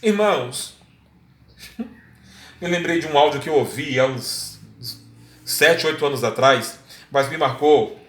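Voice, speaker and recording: A man with a Brazilian Portuguese accent preaching a sermon, swinging between loud exhortation and quiet asides. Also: on the high side, unhurried, long pauses, echoey room.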